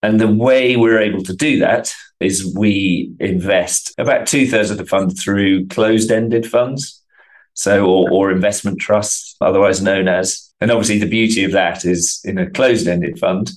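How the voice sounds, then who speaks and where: A man's voice: fairly low pitch, fairly even intonation, measured pace, low-quality recording. A man giving explanatory answers as an expert guest in a remote interview. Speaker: interview guest, portfolio manager. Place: remote video call.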